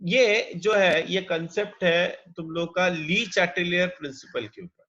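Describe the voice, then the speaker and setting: A male chemistry teacher, lecturing in a mix of Hindi and English and dictating definitions slowly, repeating each phrase. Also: high-pitched, fairly bright tone, dull audio.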